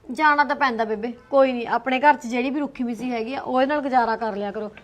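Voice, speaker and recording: A woman playing a dutiful young married woman who talks quickly and pleads her case. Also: on the high side, close to an everyday voice. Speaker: daughter-in-law. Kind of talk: short film acting.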